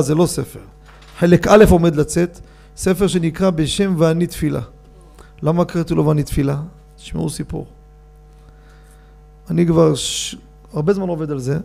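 A man, a rabbi, giving an informal Torah lesson, animated and addressing his listeners with questions as he reads out rulings. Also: a little high, gravelly. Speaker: rabbi teaching a Torah class.

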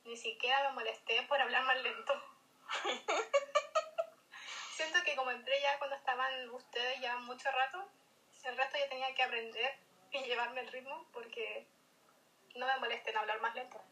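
Chilean woman explaining stuff, bright high-ish voice. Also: level tone, fairly quick, low-quality recording. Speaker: co-host. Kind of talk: casual chat.

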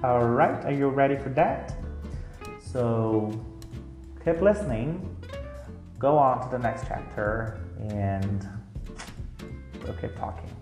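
An English teacher records a lesson for learners, sounding casual and reassuring and using "like" and "you know" a lot. His medium-pitched, darkish voice is animated yet slow, with long pauses. The room is echoey, with faint guitar music in the background.

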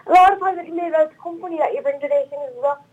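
A woman's voice: high-pitched, racing, a little mellow, highs cut off. A woman calling in to a radio show, chatting and giggling as she tells a story. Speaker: caller guest. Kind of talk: casual chat.

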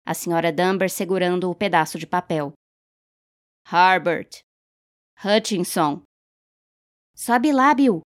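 Woman reading a story aloud. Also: on the low side. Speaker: reader. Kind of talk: audiobook reading of a short story.

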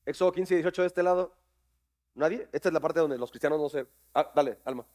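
A man preaching a sermon to his congregation, lively and jokey, quizzing people on verses. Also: fairly high pitch, fast talker. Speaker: pastor. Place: church hall with congregation.

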